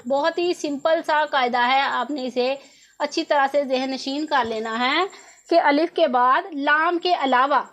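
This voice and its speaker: A woman's voice: high voice, unhurried, fairly bright tone. A woman teaching a Quran reading lesson, patiently repeating each rule and asking questions before answering them herself. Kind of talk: step-by-step lesson explanation.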